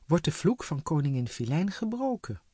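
A storybook reader voicing Jasmin, a thoughtful young girl who speaks calmly with a sigh. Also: mid-range voice, moderate pace, slightly rough, no echo, studio quality. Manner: calm, sighing. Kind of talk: storybook character voice.

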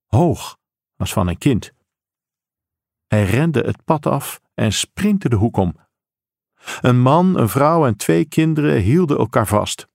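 A man reading a crime story aloud in steady, measured scripted narration. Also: on the low side, gravelly, no room sound, clean studio sound. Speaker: audiobook narrator.

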